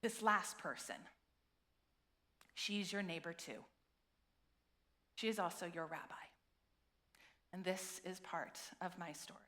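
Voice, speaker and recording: Slow, earnest woman rabbi at a pulpit microphone. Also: lowish voice, bright, forceful tone. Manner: earnest, measured delivery with deliberate repetition. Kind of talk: sermon. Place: synagogue sanctuary.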